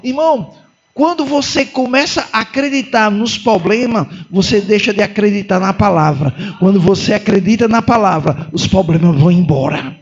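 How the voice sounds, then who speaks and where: Fervent Brazilian pastor with a very high voice. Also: male voice, moderate pace, breathy edge, dull audio. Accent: Brazilian Portuguese. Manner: fervent, emphatic repetition, calls listeners "irmão". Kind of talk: sermon.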